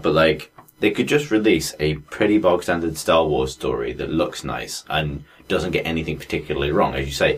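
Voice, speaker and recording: A man's voice: a bass voice, a bit bright, slightly rough. A man co-hosting a podcast, talking in casual, profane, emphatic chat and laughing often. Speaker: podcast co-host.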